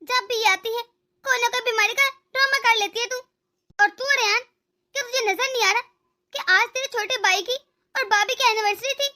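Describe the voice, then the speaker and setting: A woman's voice: extremely high pitch, normal speed, sharp tone, full character voice. A woman voicing a bossy older mother-in-law in a cartoon story, scolding and taunting.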